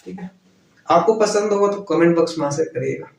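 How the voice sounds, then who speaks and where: Male chemistry teacher, higher voice, drills students with quick questions; heavy room echo, distant mic. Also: vocal fry, darkish tone, a little hiss or hum. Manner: asks and answers his own questions, repeats key words. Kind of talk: classroom lecture. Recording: roomy echo, voice from far off.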